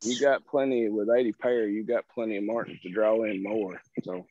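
With a fairly low voice and fairly even intonation, this middle-aged Southerner talks at a moderate pace, no echo. He's a guest presenter on a video call, keeping it casual, folksy and self-deprecating, though the audio comes through muffled with faint hiss.

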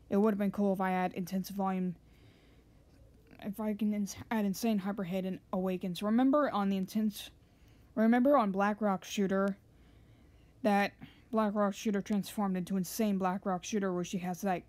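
A woman talking casually about her video thumbnails as she shows them, rambling and excited, often restarting her sentences. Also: medium pitch. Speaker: channel owner showing thumbnails. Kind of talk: casual screen-share narration.

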